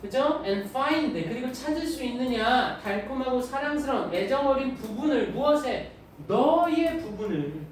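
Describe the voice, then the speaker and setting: A man's voice: very high voice, expressive, unhurried. A male English teacher lecturing a class, reading English lines, explaining them in Korean and firing rhetorical questions at the students. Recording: echoey room, mic far off, faint noise.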